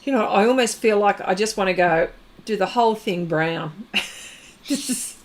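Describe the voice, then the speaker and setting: An Australian woman hosts an art livestream, chatting casually and rambling as she demonstrates pastel art, often laughing. Her voice is mid-range and moderately paced.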